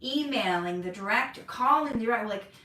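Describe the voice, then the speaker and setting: A woman's voice: on the high side, lively intonation, a little fast, pushed and bright, far from the mic. An actress chatting candidly in a casual Q&A, laughing easily as she answers questions. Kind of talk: casual livestream Q&A chat. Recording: roomy echo, voice from off-mic.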